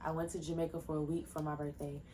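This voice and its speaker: On her casual solo podcast recorded indoors at home, a young woman in her twenties rambles quickly in a low, dark, flat voice. She jumps between tangents and is loose and chatty with many fillers and restarts. Faint fireworks pop in the background, and there's a little hiss or hum.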